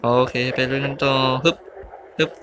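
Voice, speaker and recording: A man's voice: normal speed, background noise. A young man giving casual let's-play commentary, muttering, grunting and exclaiming as he plays. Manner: mutters and grunts while playing, exclaims at mistakes. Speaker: gaming YouTuber.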